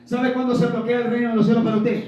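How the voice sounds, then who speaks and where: An evangelist from Ecuador preaches a Pentecostal sermon, posing questions to his congregation and acting out short dialogues. His voice is very high-pitched, fast, and fairly flat in pitch, with dull audio. He sounds distant in a very echoey room, with faint background noise.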